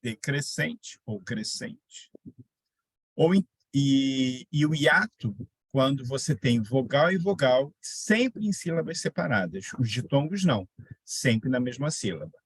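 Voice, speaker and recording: Slow, husky teacher. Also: male voice, mid-range voice, animated, dry recording. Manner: repeats and spells out example words, quizzes students. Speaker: Portuguese teacher. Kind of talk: online exam-prep grammar lesson.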